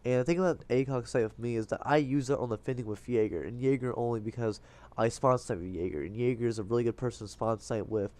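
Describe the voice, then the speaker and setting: A man's voice: medium pitch, fast talker, a little mellow. A man with a blocked, congested nose, breathing through his mouth, gives casual, rambling gameplay tips as a voice-over. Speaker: gaming video host. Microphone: voice-over dubbed onto game footage.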